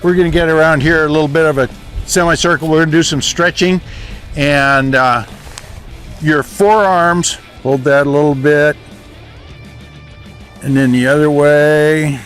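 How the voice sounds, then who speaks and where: A man with a slightly raised voice coaches riders outdoors. He walks them through each move patiently, in loose, halting phrases. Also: fairly high pitch, a bit bright, soft background music. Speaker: riding coach. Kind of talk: hands-on outdoor instruction. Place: outdoors on a desert training ground.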